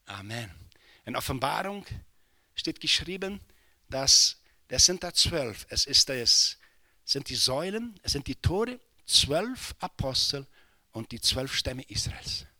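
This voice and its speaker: A male pastor preaching a sermon, swinging from hushed, near-whispered lines to loud impassioned cries, with English exclamations dropped into his delivery. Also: medium pitch, big pitch swings, slow pace, dry recording.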